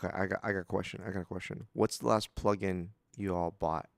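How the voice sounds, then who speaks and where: Male co-host, very deep gravelly voice, casual joking chat, dry sound. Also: fairly even intonation, quick pace, no room sound. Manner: joking, eager questions. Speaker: music producer, co-host. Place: small home room with fan. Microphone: home studio mic on video call.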